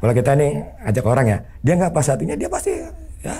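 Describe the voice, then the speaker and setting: A man's voice: medium pitch, wildly swooping pitch, fast, vocal fry, mellow, breathy edge. A man telling a story as an interview guest, earnestly acting out the remembered dialogue. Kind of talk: conversational storytelling.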